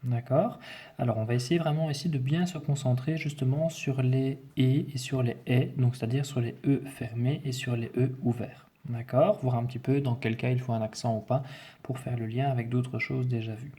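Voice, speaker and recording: A male teacher walks through a spelling exercise in a slightly husky voice. His tone is mellow and dark, and his delivery is methodical, with frequent check-ins to the viewer. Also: medium pitch, fairly even intonation, normal speed. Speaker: French teacher. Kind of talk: recorded spelling lesson.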